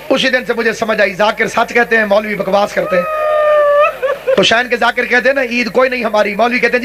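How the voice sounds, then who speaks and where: A man preaching a mourning sermon at a religious gathering, in impassioned, lamenting oratory that breaks into sung verses. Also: high-pitched.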